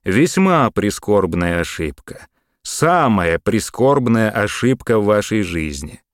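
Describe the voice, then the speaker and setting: A man's voice: medium pitch, sing-song, a little mellow, dry recording, studio quality, pitched above the performer's own voice, close to an everyday voice. A man doing a stern young landowner. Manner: cool, stern, measured.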